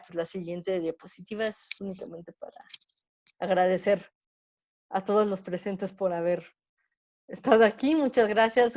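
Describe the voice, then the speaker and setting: A woman's voice: mid-range voice, warm tone. A woman tour guide with a Mexican accent, giving a conversational storytelling talk with slides and asking her audience rhetorical questions. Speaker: tour guide, guest speaker.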